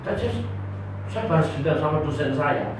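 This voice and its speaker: Animated man preaching in an echoey hall. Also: moderate pace. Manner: lively preaching with sudden loud high-pitched bursts and humorous asides. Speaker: pastor. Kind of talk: sermon. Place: church service held in a hotel hall. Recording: echoey hall, distant mic, noisy.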